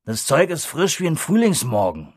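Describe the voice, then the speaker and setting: A man's voice: a little high, huge pitch swings, normal speed, a little mellow, breathy edge, no room sound, studio quality, exaggerated voice. Brash mocking drunkard, a man doing a raised, rowdy audiobook voice. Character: boisterous, mocking drunkard man, loud and crude. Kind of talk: audiobook reading.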